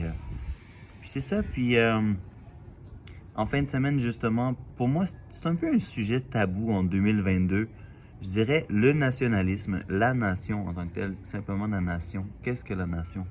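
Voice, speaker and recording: A man from Quebec with a Quebec French accent, musing aloud in a casual vlog, halting and full of fillers, outdoors in a city alley. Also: lowish voice, a little mellow, a little hiss or hum. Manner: thoughtful, halting, with many fillers and restarts. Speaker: vlogger. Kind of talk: casual reflective monologue.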